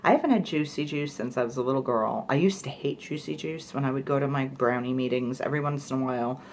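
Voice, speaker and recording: Woman, very deep voice, casual review chat, rambling fillers, faint hiss behind. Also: quick pace. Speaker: beauty vlogger.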